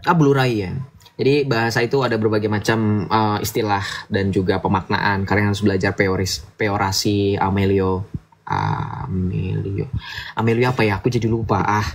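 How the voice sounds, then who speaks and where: A man's voice: on the low side, little pitch movement, moderate pace, creaky. A man hosting a casual livestream, chatty and lecturing, often asking his listeners to agree. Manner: chatty, lecturing, asks "betul nggak?" often. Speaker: livestream host.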